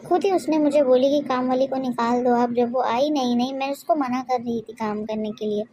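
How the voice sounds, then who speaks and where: A fussing, well-meaning mother-in-law from an animated family story, voiced by a woman. Her voice sits high and she pleads and scolds in a plaintive tone. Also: a little hiss or hum, close to an everyday voice. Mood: aggrieved. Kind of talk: cartoon story voice acting.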